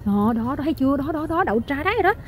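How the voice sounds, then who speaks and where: A woman with a high, bright-pitched voice walks through her garden nursery, filming on a phone and talking nonstop to her viewers. She exclaims and gushes over every plant she sells, with faint outdoor noise behind her. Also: racing. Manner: excitable, exclaiming, addresses viewers constantly. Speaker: plant seller. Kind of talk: casual selling vlog.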